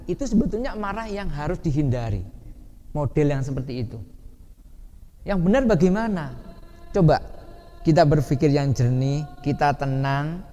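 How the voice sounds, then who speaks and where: A man with a Javanese accent giving a lively Islamic study sermon, asking his listeners questions and acting out angry shouting. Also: mid-range voice, lo-fi sound, slight background noise. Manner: lively, asks the audience questions, acts out shouting. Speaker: ustadz teaching a hadith class. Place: boarding school study hall. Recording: reverberant hall with faint ambience.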